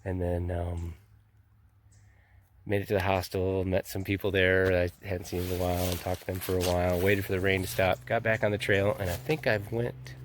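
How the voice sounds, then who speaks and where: A man's voice: low voice, flat delivery, moderate pace, slight background noise. A man vlogging on a long-distance hike, talking casually and rambling, laughing often and swearing now and then, sometimes out of breath, into a handheld phone outdoors in the mountains. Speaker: thru-hiker vlogging on the trail. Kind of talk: casual handheld trail vlog. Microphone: phone camera held by hand.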